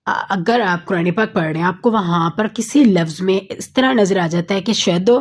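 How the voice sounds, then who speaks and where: A woman teaching an online Quran recitation lesson. She explains patiently, keeps checking in with her listeners and slows down to recite the Arabic examples. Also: lowish voice. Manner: patient, repeats points with frequent checking fillers.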